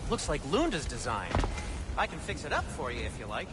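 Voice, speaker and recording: An actor voicing a gruff, blunt male dwarf blacksmith who talks in brusque, wisecracking quips. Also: on the high side, wildly swooping pitch, fairly quick, loud music behind the voice.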